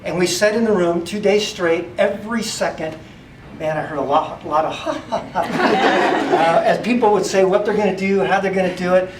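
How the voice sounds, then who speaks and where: A man's voice: high-pitched, moderate pace. A man speaking to a crowd in a farewell tribute to a retiring colleague. He laughs often as he tells his stories. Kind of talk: informal speech to a crowd. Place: large indoor room at an office party. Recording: echoey room recorded from far off, faint noise.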